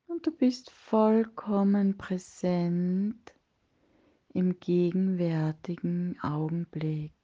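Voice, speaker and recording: This is a guided meditation led by a woman whose lowish voice stays steady in tone, breathy and hushed, at times dropping to a whisper. She soothes the listener with long pauses between lines, and the highs are cut off.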